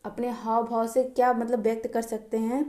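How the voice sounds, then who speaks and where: A woman's voice: a little high, little pitch movement, moderate pace, mellow. A woman teaching an exam-prep lesson, posing questions to her listeners and answering them herself, repeating key terms.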